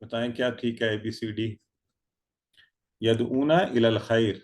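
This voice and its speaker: A man's voice: mid-range voice, fairly even intonation, a little mellow. A man teaching an online Arabic grammar lesson, drilling verb forms by repetition and calling on students by name over a video call.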